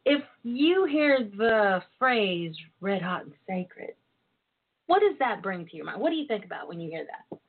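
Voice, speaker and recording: A woman's voice: mid-range voice, sing-song, a little slow. Coquettish drawling woman on phone line. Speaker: radio talk show host. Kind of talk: flirty casual radio monologue. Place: internet call-in radio show over a phone line. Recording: tinny phone-line radio sound.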